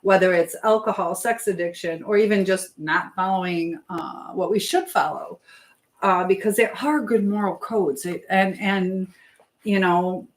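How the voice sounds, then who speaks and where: Hosting a casual live chat, a woman answers viewers while busy with something else, rambling and trailing off. Her mid-range voice moves at an unhurried pace.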